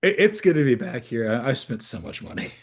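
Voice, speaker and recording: A man's voice: medium pitch, very animated, fairly quick. Jokey laid-back male podcast host. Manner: jokey, laughs often, playful quoted voices. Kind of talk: casual sports podcast banter.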